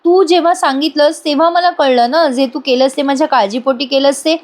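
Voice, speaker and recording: A woman gives an earnest young heroine whose high voice pleads and apologizes. It is a voice-over retelling of a TV serial. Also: fairly quick, darkish tone, close to an everyday voice. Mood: apologetic. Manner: pleading and emotional.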